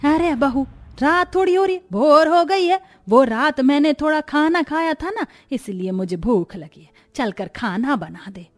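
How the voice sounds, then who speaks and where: A woman voicing a greedy, bossy old grandmother-in-law in an animated story, scolding and giving orders. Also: sits high, a little slow, soft background music, voice pushed up. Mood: demanding. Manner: commanding, scolding.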